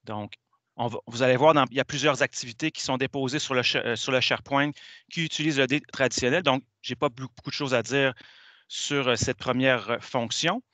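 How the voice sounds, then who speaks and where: A man, walking through a software tool step by step in a methodical teaching tone. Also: medium pitch, fairly even intonation, brisk, dry recording. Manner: methodical, step-by-step, many "donc" fillers. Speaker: teacher presenting a software tutorial. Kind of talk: screen-share tutorial walkthrough.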